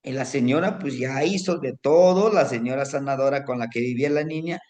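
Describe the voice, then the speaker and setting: A man's voice: medium pitch, fairly quick, a little mellow. A man telling a folk tale orally, rambling, with tag questions and lots of diminutives. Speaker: storyteller. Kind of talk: oral folk storytelling.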